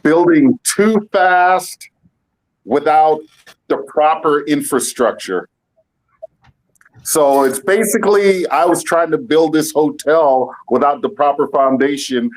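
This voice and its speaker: A man answers as a guest in a casual panel discussion over a video call. He speaks slowly and plainly, with a relaxed manner. His voice sits somewhat high for a man. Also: rough recording.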